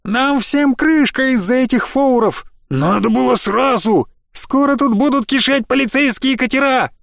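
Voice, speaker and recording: A man doing shrill panicking bandits. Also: moderate pace, creaky, fairly bright tone, dry recording, clean studio sound, heavily acted. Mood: panicked. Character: panicking male space bandits. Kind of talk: audiobook reading.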